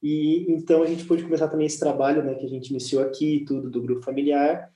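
A Brazilian man talks on a podcast with lively enthusiasm, his voice mellow and dark. The recording is roomy, with a noticeable echo around him. He chats casually and animatedly throughout. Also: fairly high pitch, quick pace. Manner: enthusiastic, animated, says "cara" a lot. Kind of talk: casual chat.

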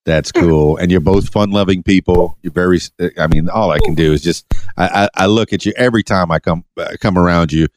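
This podcast host from Miami, USA, has a low, darkish voice and talks a little fast, with slight noise in the background. He keeps the casual interview loose, asking rambling, playful questions and often stammering and starting over.

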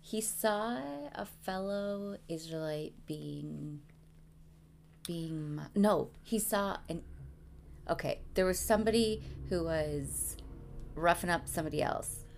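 A woman co-hosting a podcast, giving slow, hesitant answers to Bible questions. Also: on the low side, gravelly, darkish tone, a little hiss or hum. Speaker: podcast co-host. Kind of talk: casual Bible study chat.

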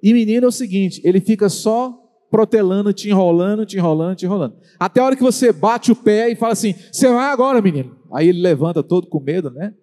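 A Brazilian man preaching a sermon as pastor, slowing down to stress words and asking the congregation direct questions. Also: high voice, dark tone. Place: church hall. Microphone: handheld or stand microphone. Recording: long reverb of a church hall.

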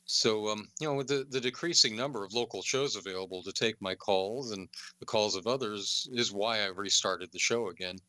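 A man hosts a call-in radio show in a low yet bright, forward voice. He rambles along with many filler uhs and slips in sarcastic asides. The sound is dry and close, with no room around it. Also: moderate pace, no room sound.

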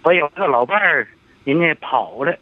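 A man's voice: a little high, expressive, normal speed, no echo. A man of seventy calling in to an advice show, hesitant and troubled as he talks. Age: 70s. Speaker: caller. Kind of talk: phone-in call. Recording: tinny phone line.

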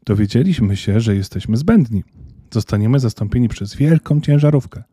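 A man voicing a blunt but gentle male reindeer in a storybook reading, plain-spoken and calm. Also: mid-range voice, brisk, husky, dry recording, clean studio sound.

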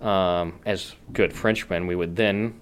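A man's voice: sits low, fairly even intonation, slow, slight background noise. A man co-hosting a podcast, chatting playfully with frequent ums and asides. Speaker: podcast co-host. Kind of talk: casual chat.

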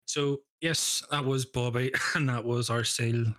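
Man as podcast host. Bright, dry close mic, chatty, swears freely. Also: mid-range voice, fairly even intonation, moderate pace, no echo. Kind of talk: casual banter podcast.

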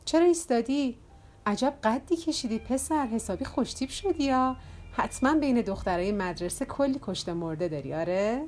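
A woman's voice: animated, a little mellow, lightly acted. A woman reading a bubbly, chatty hostess. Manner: bubbly and talkative, pitch lifting on questions. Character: chatty, loud, self-mocking woman hostess. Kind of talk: audiobook character reading.

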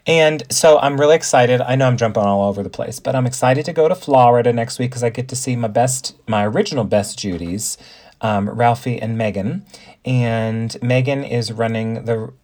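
A man's voice: mid-range voice, moderate pace, darkish tone. A man in his forties hosting a podcast, chatting in a bubbly, campy way with playful pet names from his makeup table. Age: 40s. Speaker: podcast host. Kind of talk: casual monologue.

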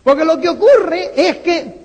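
High-voiced man giving a slow motivational talk. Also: expressive, darkish tone, dull audio. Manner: rhetorical questions with tag "eh?". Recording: long hall reverb.

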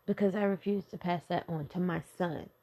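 Low gravelly-voiced woman, blunt and candid. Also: brisk, dark tone. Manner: blunt and profane, conversational. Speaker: mother. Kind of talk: candid personal talk on self-healing.

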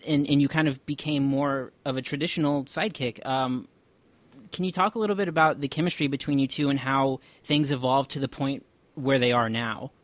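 A man's voice: mid-range voice, steady tone, fairly quick, no room sound. Male podcast host, hesitant with many fillers, dry close sound. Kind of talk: interview questions.

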